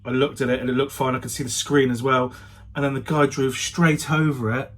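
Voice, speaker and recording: Brisk and flat, his mid-range voice carries a casual vlog delivered to camera. He chats along, hedging his claims and often correcting himself.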